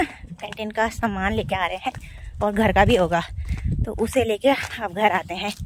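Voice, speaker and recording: A chatty young woman from Uttarakhand talks her viewers through her day in a mountain village, explaining each step as she cooks and walks. Her voice sits a little high, with a faint hiss of outdoor noise behind it. She is recorded on a phone held at arm's length. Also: sharp tone. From Uttarakhand, India. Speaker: village vlogger. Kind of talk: casual vlog narration. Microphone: phone camera held at arm's length.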